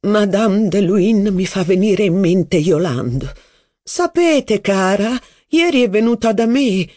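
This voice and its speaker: Scornful high-society duchess, as a reader puts her on, theatrical, exclamatory, swooping high, dry close sound. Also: expressive, takes it slowly, a little mellow, no echo. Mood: haughty. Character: haughty, witty aristocratic duchess. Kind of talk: audiobook reading.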